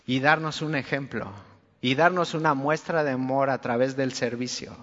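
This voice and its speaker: A man's voice: medium pitch, steady tone, normal speed, fairly bright tone. A man preaching a conversational sermon, earnest and colloquial, speaking straight to his listeners in a church hall. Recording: long reverb, dull lo-fi sound.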